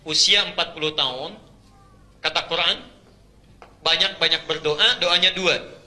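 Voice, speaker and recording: A man's voice: on the high side, steady tone, a little slow, bright, forceful tone. A middle-aged man preaching a sermon, emphatic, repeating key phrases and chanting Quran verses. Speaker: Islamic preacher.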